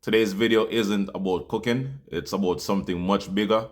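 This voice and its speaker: Jamaican guy, lowish voice, talking from the heart to his viewers. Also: steady tone, moderate pace. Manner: heartfelt, loose with fillers. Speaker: channel host. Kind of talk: earnest appeal to viewers.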